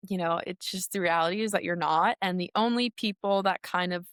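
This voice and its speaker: A young woman from Minnesota, a hockey player answering interview questions in a chatty, relaxed way with frequent laughs and restarts. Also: fairly low pitch, brisk, clean tone, dry recording, clean studio sound. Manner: chatty, laughs often, many ums and restarts. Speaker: guest, pro hockey player. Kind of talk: casual interview talk.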